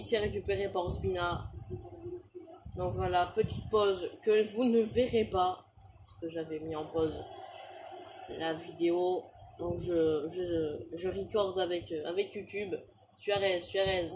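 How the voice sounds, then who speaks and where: A man's voice: sits high, slight background noise. Young man commentating a football game. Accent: French. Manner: rattles off player names, shouts at big chances. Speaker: gaming YouTuber.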